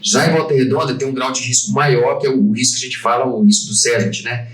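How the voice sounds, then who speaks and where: A man in his fifties from Brazil answers interview questions as a podcast guest, pausing often and restarting his sentences. His voice sits at an ordinary middle pitch. He is heard from some distance away in a roomy, echoing space. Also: fairly even intonation. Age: 50s. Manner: hesitant, many fillers and restarts. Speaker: guest, franchise owner.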